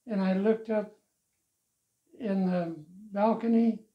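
Speaking slowly with a voice that sits high, an elderly interviewee chuckles now and then while reminiscing about his life and church involvement in a relaxed interview. He has long been a church member and sits at home in a living-room armchair, with a lavalier mic recording roomy, slightly dull audio.

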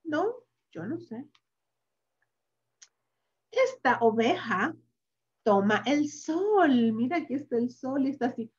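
Reading a picture book aloud to young children, a woman uses a slow, sing-song, animated delivery, adds sound effects, and asks the child questions. Her voice is high-pitched and the recording is muffled.

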